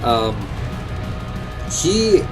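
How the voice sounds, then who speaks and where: A man's voice: fairly high pitch, sing-song, extremely slow. A man streaming a video game, rambling casually about its lore and thinking aloud, now and then swearing. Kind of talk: casual gameplay commentary. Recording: streamed over game music.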